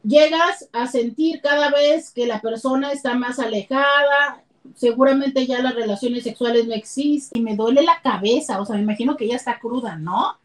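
A high-pitched woman with a Mexican Spanish accent hosts a casual advice talk about relationships. She is lively and chatty, and she acts out other people's lines with sudden leaps in pitch. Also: normal speed. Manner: animated, slips into acted quotes with jumps in pitch. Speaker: host and relationship counselor.

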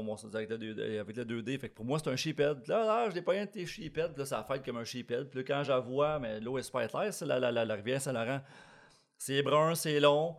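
A young man with a Québécois French accent, telling a fishing story in casual chat, slangy and full of restarts. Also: medium pitch. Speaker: tournament bass angler.

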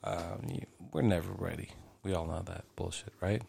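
A man's voice: low voice, normal speed, gravelly, darkish tone, slightly rough. A man in his late forties hosting his own podcast, talking alone in a rambling, casual way and swearing freely. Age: 40s. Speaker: podcast host. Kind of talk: casual solo podcast monologue.

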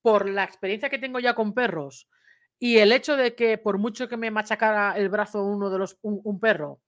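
A woman talks through a video of dogs in a relaxed, chatty tone. She explains each moment step by step and keeps checking in with her listener. Now and then she raises her voice for emphasis. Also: mid-range voice, normal speed. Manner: imitates bite sounds and raises voice for emphasis. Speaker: dog trainer commenting on a video. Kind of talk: casual video commentary.

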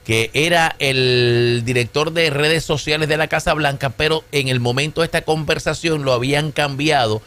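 Animated man commenting. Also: on the high side, a little fast, hardly any pauses. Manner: animated, mixes Spanish and English. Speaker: podcast host. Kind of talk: casual political commentary.

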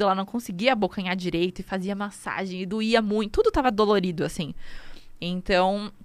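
A young woman, a new mother, telling her story casually in an interview, emotional and animated, acting out what she said to herself. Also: mid-range voice, dry recording. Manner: emotional, animated storytelling with quoted inner speech.

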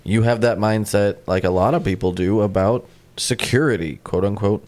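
A man's voice: lowish voice, moderate pace, a little mellow. A man co-hosting a podcast, joking wryly and swearing freely in casual chat. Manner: profane, wry, joking. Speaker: podcast co-host.

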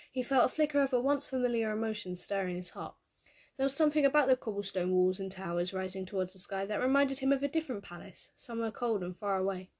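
A woman narrating a piece of fan fiction in a measured, expressive storytelling manner. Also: mid-range voice.

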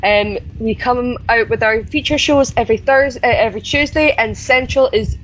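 Hosting a casual podcast, a woman talks in a slightly high voice at normal speed, her accent a blend of Edinburgh and Glasgow Scottish. The higher frequencies of the recording are cut off.

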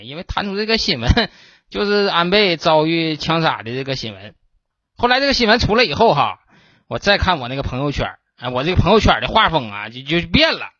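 Podcast host, male, Northeastern Mandarin accent, bright, animated delivery, blunt and profane, on a dull lo-fi dry recording. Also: fairly high pitch, no echo. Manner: blunt, swearing, joking storyteller. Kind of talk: casual monologue commentary.

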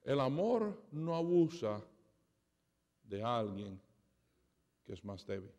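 A man's voice: mid-range voice, sing-song, slow pace. Preacher man in an echoing hall. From Spanish heritage. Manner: dramatic, acts out dialogue, swings between loud and soft. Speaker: pastor. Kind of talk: sermon. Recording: reverberant hall.

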